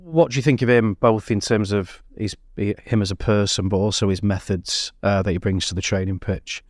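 A man's voice: lowish voice, fairly even intonation, normal speed, no echo, clean studio sound. A man conducting a conversational sports interview, asking chatty questions that often come in several parts. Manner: chatty, long multi-part questions.

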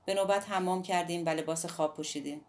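A woman narrating an audiobook novel in a calm, even storytelling manner. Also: lowish voice.

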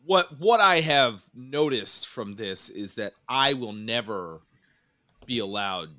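A man co-hosting a podcast with a nasal voice, joking about himself in halting casual talk. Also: mid-range voice, expressive, sharp tone. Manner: joking, self-mocking, halting. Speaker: podcast co-host.

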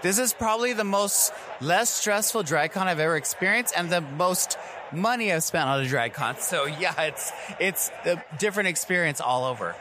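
In a convention green room, a middle-aged drag performer chats candidly and emphatically during a casual event interview. His high-pitched voice has lively intonation and a normal speed, with background noise audible.

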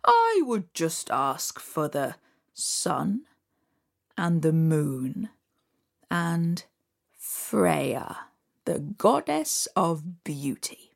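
A woman voicing a mysterious cloaked male stranger, slow and whispery. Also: wildly swooping pitch, creaky, heavily acted. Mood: sly, low. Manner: low, slow, whispery menace.

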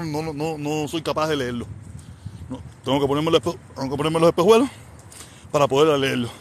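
A middle-aged man with a Cuban Spanish accent hosts a casual live stream and talks back to viewer comments in a boastful, rambling way. His voice sits a little high. Outdoor noise and passing planes are loud behind him on a phone with headphones. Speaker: livestream host reading viewer comments.

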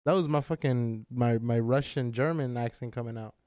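A man co-hosting a podcast in casual, rambling chat, swearing and clearing his throat often. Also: medium pitch, moderate pace, darkish tone, dry recording, studio quality. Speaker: podcast co-host.

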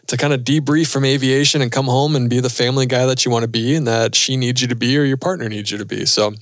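A man in his thirties talks casually through listener questions on a podcast, easygoing and unhurried, stopping for small fillers as he thinks. His voice sits at an ordinary middle pitch. The recording is dry and close, with no room sound. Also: fairly bright tone, no echo. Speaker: podcast host and pilot.

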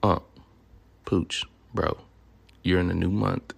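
Deep, gravelly Southern US man. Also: flat delivery, takes it slowly. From Memphis, Tennessee, United States. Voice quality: deep, smooth voice. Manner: playful, boastful, profanity-laden delivery. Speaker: podcast host. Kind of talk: casual solo podcast monologue.

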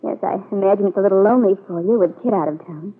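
On a muffled vintage recording of an old radio soap opera, an American actress with a mid-range, slightly rough voice speaks very fast. She plays a proud, hurt eighteen-year-old country girl, a young adult who stays cool, formal, and aloof.

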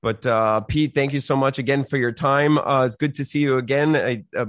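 Halting male podcast host, dry sound. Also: medium pitch, fairly even intonation, no room sound. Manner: halting, unscripted. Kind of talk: casual interview chat.

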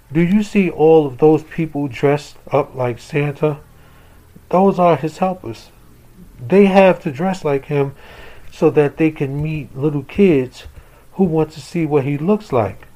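A man's voice: a little high, dark tone, pitched above the performer's own voice. A man voicing a scornful older boy who mocks and taunts his little brother. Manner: mocking, taunting.

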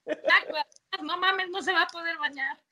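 A woman's voice: extremely high pitch, moderate pace, background noise. A Mexican woman co-hosting a podcast, chatting casually with heavy slang and often laughing as she tells stories. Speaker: podcast co-host. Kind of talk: casual chat.

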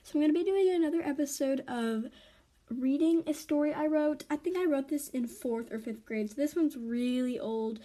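A woman's voice: sits high, normal speed, dark tone. A woman hosting a casual episode, reading aloud a story she wrote as a child in a chatty, self-deprecating way. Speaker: host reading her own childhood story.

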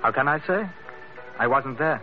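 In an old-time radio drama, an actor voices a courteous, dignified young Chinese man in hiding, speaking formal, carefully enunciated English in an earnest, grave, measured way. His mid-pitched voice has lively intonation and is close to everyday speech, on a dull old recording with faint music.

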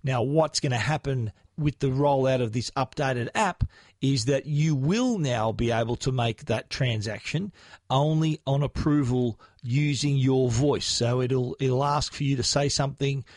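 Chatty Australian tech podcast host. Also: male voice, medium pitch, a little mellow, dry recording, studio quality. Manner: conversational, with frequent restarts and fillers. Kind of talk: podcast tech news segment.

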